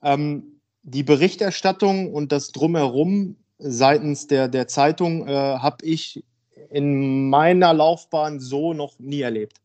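A man in his thirties from Germany, a football player talking frankly and a bit haltingly as a podcast guest. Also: on the high side, a little mellow, dull audio. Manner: frank, rambling, hesitant. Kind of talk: casual podcast interview.

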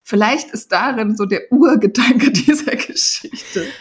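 A woman who wrote a children's book, chatting lively with a frequent laugh and reading from her story. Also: on the high side, unhurried. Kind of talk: interview chat and reading aloud.

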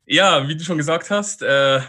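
A man from Switzerland with a Swiss German accent, talking as a podcast guest. His voice is bright and slightly higher than most men's. He speaks loosely, with many fillers and frequent laughter. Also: normal speed. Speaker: guest, online marketer. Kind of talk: casual podcast interview.

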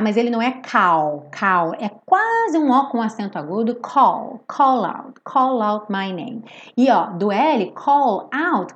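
Woman, pronunciation teacher, fairly high voice, slow sounded-out phrases between quick explanations, slightly muffled recording. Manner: sings and slowly sounds out English words, then explains briskly. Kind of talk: song-lyric pronunciation lesson.

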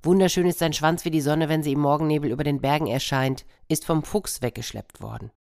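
Woman voicing a storybook cat, unbothered and dry, low-key, a touch scornful. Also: steady tone, brisk, vocal fry, a little mellow. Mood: dismissive. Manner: dry, dismissive. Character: cool, unimpressed grown-up cat.

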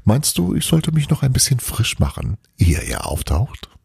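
A man's voice: mid-range voice, wildly swooping pitch, normal speed, vocal fry, a little mellow, husky, no room sound, clean studio sound, voice pushed up, heavily acted. A man voicing a scheming, flighty old witch mother who drops Italian words into her teasing talk. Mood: sly.

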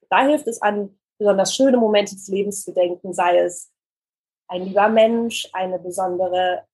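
A woman who works as a voice coach and news presenter, calmly explaining speaking exercises in an interview. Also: mid-range voice, slightly rough, low-quality recording. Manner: calm, explanatory, demonstrates exercises.

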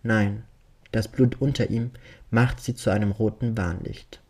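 A man calmly narrating a dark story as a measured, scripted reading. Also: lowish voice, husky.

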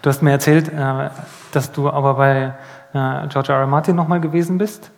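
A man's voice: on the high side, fairly even intonation, normal speed, creaky. A man hosting an interview, asking loose, rambling questions and teasing his guest. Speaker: interviewer, host. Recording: long hall reverb.

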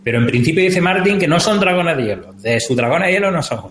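A man's voice: a little high, lively intonation, fast talker, a bit bright. Roomy-sounding Spanish man chatting. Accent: Spanish from Spain. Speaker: podcast panelist. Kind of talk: casual group chat. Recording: roomy echo, music underneath.

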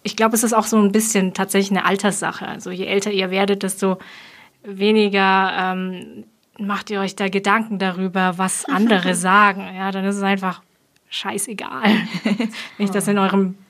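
A woman in her thirties speaks as a podcast guest. Her pitch sits in the middle range. She talks thoughtfully and often pauses to find the right word. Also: level tone, a bit bright. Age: 30s. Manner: thoughtful, searching for words. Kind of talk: casual podcast chat.

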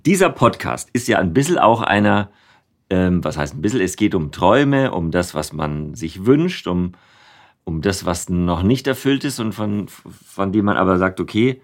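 A male podcast host with a very low voice that swings widely in pitch. He asks his questions in a chatty, teasing way and laughs easily. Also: big pitch swings, normal speed. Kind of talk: podcast interview.

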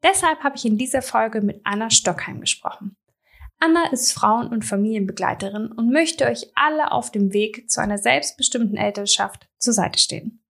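A woman's voice: on the high side, normal speed, gravelly, a bit bright. A woman in her thirties hosting a podcast interview, chatty and addressing her listeners directly. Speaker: podcast host.

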